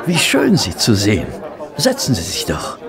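An actor playing Dr Watson, a weary, rueful army doctor back from war, narrating and talking in a radio play. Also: male voice, fairly low pitch, huge pitch swings, moderate pace. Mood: friendly. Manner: rueful, weary, warmly polite. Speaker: narrator and character. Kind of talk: German radio play acting. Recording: restaurant crowd murmur behind. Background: restaurant chatter.

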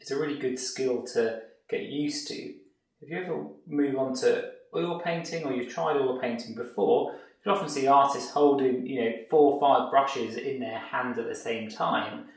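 A man gives a relaxed painting tutorial, thinking aloud as he works. His voice has a gravelly edge. The room rings with strong echo, and he sounds set back from the mic. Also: mid-range voice, moderate pace, recorded from a distance. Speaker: art tutor.

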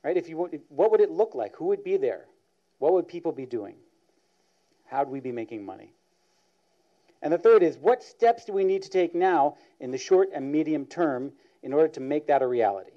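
A man opening a public presentation, laying out questions in a measured way. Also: on the high side, expressive, dark tone. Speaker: panel moderator. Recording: dull lo-fi sound.

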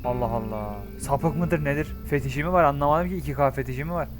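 Excitable Turkish man playing a game. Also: fairly high pitch, fast talker, music in the background. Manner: excitable, swears and exclaims often, shifts loud to muttering. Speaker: gaming YouTuber. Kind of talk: casual let's-play commentary.

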